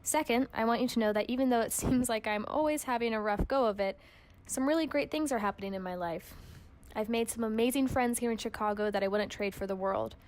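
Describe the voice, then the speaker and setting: A young woman, a college student, reading a personal letter aloud in an earnest, tender, measured way. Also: on the high side, a little mellow.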